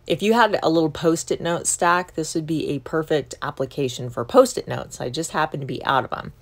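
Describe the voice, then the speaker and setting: Speaking a little fast in a low-pitched voice, a middle-aged craft channel host narrates a casual tutorial. She stays chatty and upbeat as she walks through each step in voice-over.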